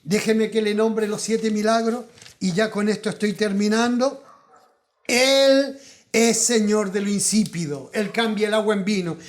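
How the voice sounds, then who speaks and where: High-voiced Rioplatense pastor preaching. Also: male voice, steady tone, measured pace. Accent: Rioplatense Spanish. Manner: emphatic preaching, swinging from loud calls to hushed asides. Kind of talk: sermon. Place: auditorium.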